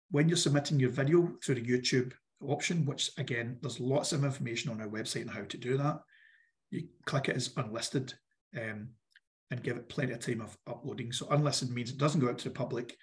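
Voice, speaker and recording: A man with a croaky voice, giving direct, instructive advice in an online workshop presentation. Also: mid-range voice. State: croaky voice, clearing his throat. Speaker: workshop presenter for a business funding competition.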